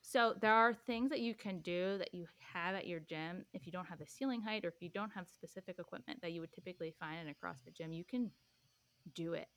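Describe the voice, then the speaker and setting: A woman's voice: fairly low pitch, brisk, a bit bright. A young woman talking casually as a podcast guest, rambling with lots of "like" and "um". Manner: rambling, full of "like" and "um". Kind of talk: casual chat.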